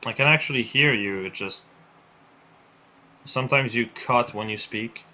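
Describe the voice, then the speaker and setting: Mid-range, bright, and a bit pushed, this man's voice moves at a measured pace as he hosts a build showcase live through a headset mic. He talks casually, rambling and restarting frequently, over dull lo-fi stream audio.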